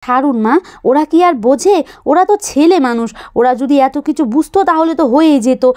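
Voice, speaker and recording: Lady doing a worried young bride type, soft pleading, high pitched. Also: a little fast, close to an everyday voice. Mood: soothing. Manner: soothing, pleading, anxious. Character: worried dutiful young daughter-in-law.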